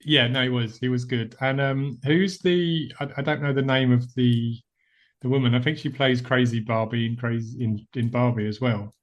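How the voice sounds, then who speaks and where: A man's voice: medium pitch, fairly even intonation, moderate pace, highs cut off. A man co-hosting a podcast, chatting casually and laughing often at himself. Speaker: podcast co-host. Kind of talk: casual chat.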